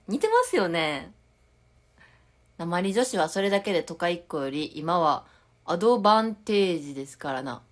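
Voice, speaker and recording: A young woman with a Tokushima dialect, chatting casually on a live stream and reading viewer comments aloud with frequent giggles. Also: medium pitch. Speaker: idol livestreamer.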